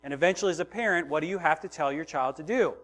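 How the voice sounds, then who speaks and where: A middle-aged male pastor delivers a sermon in a voice pitched a little high. He swings between soft, intimate passages and loud, emphatic build-ups, slipping into the voices of the people in his story. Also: racing, soft background music.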